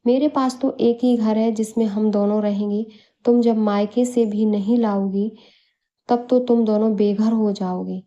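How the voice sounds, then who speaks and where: A woman's voice: mid-range voice, fairly even intonation, measured pace, warm tone, lo-fi sound, lightly acted. A woman voicing a greedy, scheming mother-in-law who lectures and makes demands, for a storybook. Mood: demanding.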